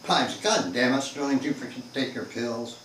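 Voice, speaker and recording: A man reading a novel aloud, voicing an exasperated, sharp-tongued woman who scolds and curses. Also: mid-range voice, expressive, normal speed, a little hiss or hum, natural voice. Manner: scolding, cursing. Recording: echoey room, mic far off.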